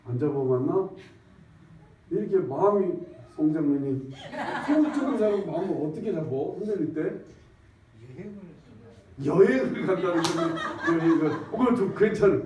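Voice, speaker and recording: A man's voice: on the high side, lively intonation, a little mellow, a little hiss or hum. A male pastor giving a conversational sermon in a church, repeatedly asking the congregation questions in a folksy, repetitive way. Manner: peppers talk with questions to the congregation; folksy, repetitive, drawn-out emphasis. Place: church sanctuary. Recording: echoey, distant, dull lo-fi church recording.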